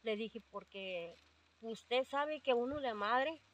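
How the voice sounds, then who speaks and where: A woman's voice: fairly high pitch, expressive, slow pace. An older woman with a Mexican accent, telling her story in a rambling way with many fillers, quoting what others said. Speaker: interviewee. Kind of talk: casual storytelling.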